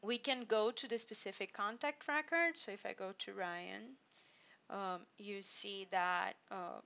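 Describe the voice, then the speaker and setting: A software company presenter from Brazil, a native Portuguese speaker with a Brazilian Portuguese accent, demonstrates software in an unhurried screen-share walkthrough full of fillers and restarts. Her voice is mid-range and creaky, and the sound is lo-fi.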